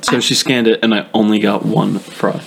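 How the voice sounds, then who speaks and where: A young man from the United States co-hosting a podcast in casual chat, joking in a deadpan, mock-dramatic way. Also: lowish voice, moderate pace, creaky, slight background noise. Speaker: podcast co-host.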